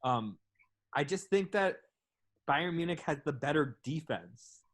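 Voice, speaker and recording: A man's voice: fairly high pitch, animated, a little slow, a bit bright, husky. A man co-hosting a casual sports podcast, rambling and hedging with lots of fillers. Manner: rambling, hesitant, many fillers. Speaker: podcast co-host.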